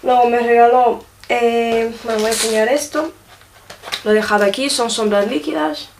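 A woman's voice: on the high side, fairly even intonation, noisy background. A woman casually reviewing makeup gifts, showing each item to the camera and often checking in with her viewers. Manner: chatty, often checks in with a quick question tag; shows items to the camera while talking. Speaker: beauty vlogger.

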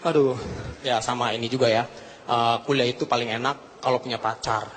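Captured in a TV broadcast full of crowd noise, a man does stand-up on a studio stage before a live audience, firing off slangy jokes at his own expense. His mid-range voice holds a steady tone, a bit bright and a little fast.

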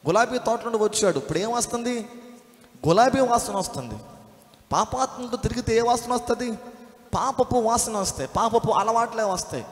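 A man's voice: very high-pitched, fairly quick. A man preaching a sermon, storytelling and firing rhetorical questions at the congregation. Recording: echoey hall.

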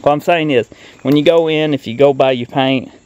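The sound is lo-fi, and the man's fairly high voice is brisk with a darkish tone. He's a middle-aged car restoration vlogger out in a grassy gravel yard, doing a folksy, plain-spoken walkthrough on a phone held at arm's length.

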